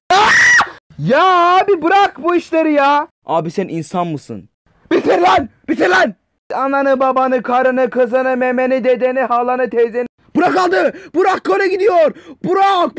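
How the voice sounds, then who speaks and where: A man giving loud, excitable reactions while gaming, yelling and swearing at what happens on screen. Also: extremely high pitch, dry recording, clean studio sound. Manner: excitable, yells and swears at the game. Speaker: gamer and YouTuber.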